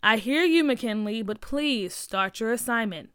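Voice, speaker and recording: A woman's voice: fairly high pitch, animated, measured pace, a bit bright, smooth, dry recording, clean studio sound. A woman voicing a hesitant schoolteacher who stumbles over fillers and grows impatient, in a storybook reading. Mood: annoyed.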